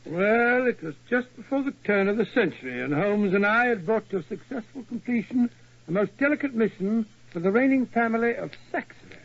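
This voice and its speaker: A genial, easily flustered doctor narrates in a high, blustery voice. It comes through with the dull, muffled tone of an old 1940s radio recording. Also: male voice, lively intonation, fairly quick. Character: genial, bumbling English doctor sidekick.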